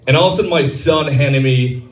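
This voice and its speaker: A man's voice: on the high side, fairly quick. A man doing a crude, self-mocking stand-up set on a comedy club stage. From Texas. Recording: roomy club sound from a distance.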